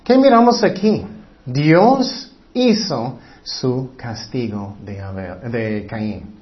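A man's voice: medium pitch, lively intonation, slow pace. A man preaching a sermon as pastor, emphatic and repetitive, sometimes acting out short voices. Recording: dull lo-fi recording.

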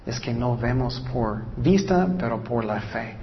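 A woman's voice: a bass voice, expressive, a little hiss or hum. Earnest woman preaching, muffled lo-fi recording. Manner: earnest, slows down to read scripture verses. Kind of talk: sermon.

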